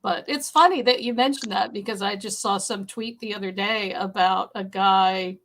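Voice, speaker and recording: A woman in her fifties tells wry, irreverent stories as a podcast co-host. Her voice is bright and sits at a middle pitch. She talks in a casual, offhand way. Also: normal speed. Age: 50s. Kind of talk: casual chat.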